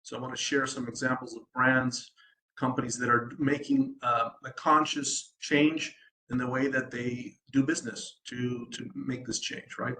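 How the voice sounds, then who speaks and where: Speaking at a moderate pace with a level, sharp, medium-pitched voice, an American sustainability design consultant presents at an online event. He's hesitant, full of ums and restarts and the habit of asking "right?", and the recording is rough with an echoey room.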